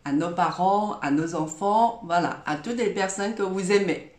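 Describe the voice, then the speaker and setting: A woman giving an online language lesson, pronouncing each word slowly and carefully and repeating it. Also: fairly low pitch, loud music behind the voice. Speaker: Chinese teacher. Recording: roomy echo.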